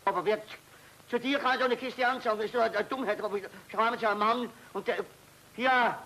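A man's voice: very high-pitched, steady tone, brisk, bright, forceful tone, slight background noise, heavily acted, rough recording. A fussy, flustered man. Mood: fretful. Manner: rambling, stammering, fretful. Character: fussy flustered Austrian man, anxious about travel. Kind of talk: 1930s film comedy acting.

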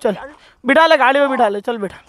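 A young man vlogging outdoors, yelling urgent commands during a chase on a rough road. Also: very high-pitched, fast talker, faint music behind. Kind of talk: excited outdoor confrontation vlog.

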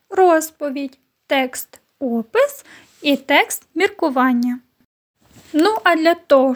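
A woman primary school teacher from Ukraine, giving a recorded online lesson to children with slow, clear instructions and questions to her pupils. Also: high voice.

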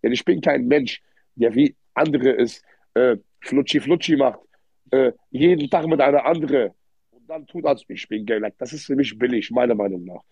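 This male livestream host sits in a hotel room chatting casually in German, his Arabic-influenced accent carrying streetwise slang, repeated words and plenty of Arabic interjections. His voice is medium-pitched, gravelly, husky and darkish, moving at a normal speed. It's captured on a close-held phone without headphones, dry of room sound, in dull, lo-fi livestream quality.

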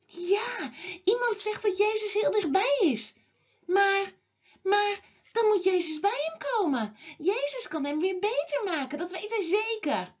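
A woman teaching a children's Bible class, telling a story to children in an expressive way. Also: very high-pitched, lo-fi sound. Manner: slow, expressive, lively telling.

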